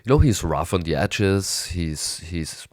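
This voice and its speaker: A man with a raspy, hoarse voice from a cold, rambling enthusiastically through a casual film review with hesitant restarts. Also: low voice, animated, slow pace, darkish tone, dry recording, studio quality. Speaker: movie review vlogger.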